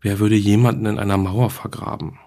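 A man's voice: lowish voice, steady tone, fairly quick, vocal fry, dark tone. A man voicing a curious, bold young girl who keeps asking questions. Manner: questioning, probing.

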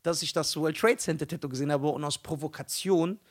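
A man's voice: on the high side, brisk. A young man on a casual podcast, telling a story with lots of laughter and imitated voices. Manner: animated storytelling, mimics voices, laughs often. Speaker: podcast co-host.

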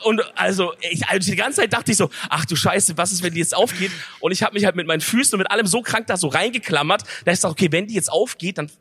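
A young man co-hosting a live podcast on stage, telling a story in excitable, slangy casual chat. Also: high voice, quick pace, few pauses, husky. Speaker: podcast co-host. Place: stage in a concert venue. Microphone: handheld stage mic.

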